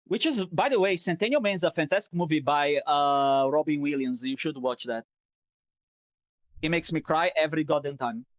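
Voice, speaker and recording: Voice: mid-range voice, animated, normal speed, no room sound. A streamer in casual chat, wandering from thought to thought with plenty of swearing and open sentiment. The voice sits mid-range, dry and close on a slightly muffled headset mic. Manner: rambling, profane, sentimental. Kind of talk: casual chat while drawing.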